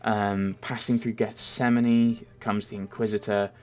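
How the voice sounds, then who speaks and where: This young Merseyside man has a fairly low, darkish voice with a flat delivery and measured pace. He answers viewer questions in a casual, rambling voice-over full of ums and self-corrections as faint game music plays.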